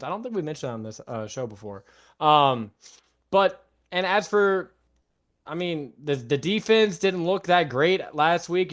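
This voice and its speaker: Animated young man talking football. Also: on the high side. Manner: animated, mocks fans in loud shouted bursts. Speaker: podcast co-host. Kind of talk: casual sports talk.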